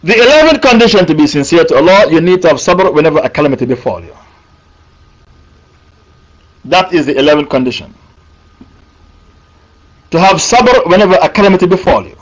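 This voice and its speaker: A man delivers a sermon in a high voice, stressing and repeating his key points. The recording is dull and lo-fi. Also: big pitch swings, fast talker. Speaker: preacher.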